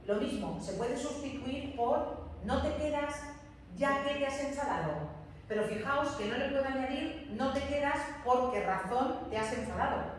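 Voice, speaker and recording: A woman teaches a grammar lesson, repeating each rule and pausing to check that the class follows. Her slightly high voice comes from some distance off. The room has a long, ringing echo. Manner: repeats key rules, checks understanding with frequent "¿m?". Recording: echoey classroom from far off, faint room noise.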